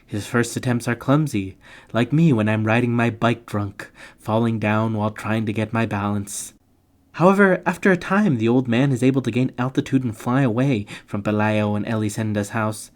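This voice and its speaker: A man narrates literature summary videos, reading a script at normal speed in a mid-range voice. His delivery is playful and tongue-in-cheek, with slangy comic asides slipped in.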